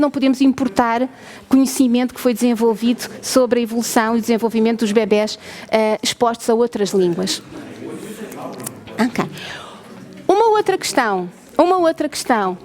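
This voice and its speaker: Researcher, female, European Portuguese accent; high-pitched, explains patiently to visitors and keeps asking "ok?". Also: darkish tone. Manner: asks the audience questions, checks with "ok?". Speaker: researcher presenting a lab.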